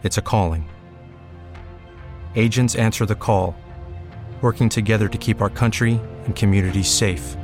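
Low-voiced male announcer over music. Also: steady tone, moderate pace, pauses often. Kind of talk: scripted recruitment ad.

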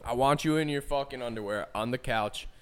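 A young man co-hosting a podcast, chatting casually with crude, animated jokes. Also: mid-range voice, a little fast, smooth. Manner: crude, joking, animated banter. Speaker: podcast co-host. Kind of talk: casual chat.

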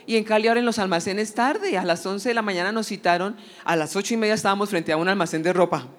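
A woman tells a heartfelt church testimony, acting out the dialogue with energy. Her voice sits at a middle pitch for a woman. A long reverb from a large hall trails behind her words. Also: fast. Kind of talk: emotional testimony storytelling.

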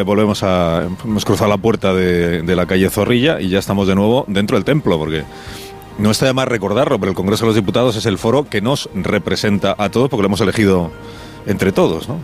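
A male radio host delivers a reflective opinion monologue in a low voice. He is ironic and often pauses with fillers and restarts. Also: faint music behind. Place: on location at a parliament building.

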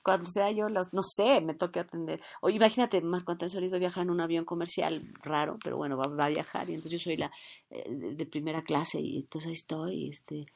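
A woman with a slightly low voice chats casually with her listeners. She plays out small scenes and keeps shifting her voice for them. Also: steady tone, brisk, creaky. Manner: playful, acts out little scenes in changing voices. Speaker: live stream host.

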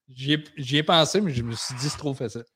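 Easygoing Québécois co-host, mid-pitched, crowd noise audible. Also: male voice, a little fast. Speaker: radio co-host. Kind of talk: casual radio chat.

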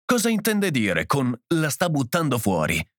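A man's voice: mid-range voice, expressive, brisk, a bit bright, no echo, studio quality, lightly acted. A man voicing a brusque, angry father. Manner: brusque, furious. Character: angry father defending his wife and child.

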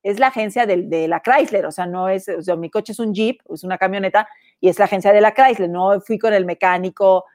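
A woman's voice: mid-range voice, brisk, no room sound, clean studio sound. A woman with a Mexican accent chatting casually as co-host, telling stories and acting out the dialogue. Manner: animated storyteller, acts out dialogue. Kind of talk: casual gossip chat.

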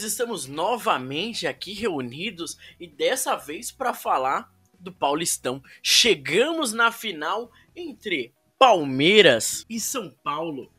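Man, Brazilian accent, podcast host, casual football talk, husky voice, music underneath. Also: high voice, pushed and bright.

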